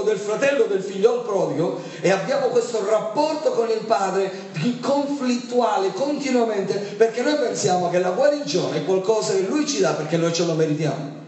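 A man's voice: high voice, darkish tone, slight background noise. A male preacher, delivering an emphatic sermon full of rhetorical questions to his congregation. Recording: echoey room from a distance.

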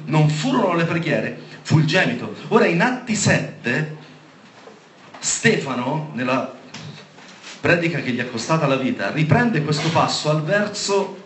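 A man delivers a sermon with a lively, emphatic voice that rises and falls widely, leaning hard on the key words. His pitch sits a little high for a man. The sound is roomy and echoing, with a faint noise underneath. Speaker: preacher. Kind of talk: sermon with Bible reading. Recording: echoey room with faint background noise.

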